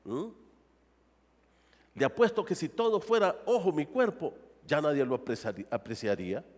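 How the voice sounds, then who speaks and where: A man's voice: on the high side, animated, moderate pace, a little mellow, in a large hall. A male pastor preaching a sermon in a church and often asking the congregation rhetorical questions. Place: church sanctuary.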